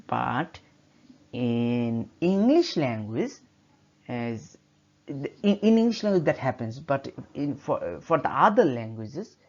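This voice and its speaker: Here is a male teacher whose first language is Bengali, explaining grammar over slides in a middle-pitched voice. He hesitates often and restarts his phrases. The audio is somewhat dull and lo-fi. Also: sing-song, slow pace. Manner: hesitant, many fillers and restarts. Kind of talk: narrated slideshow lecture.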